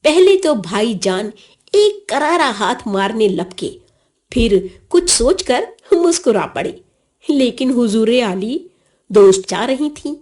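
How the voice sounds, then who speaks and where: A woman narrating a children's story with an expressive storybook delivery. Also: a little high, slow pace. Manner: expressive, clearly paced storybook reading.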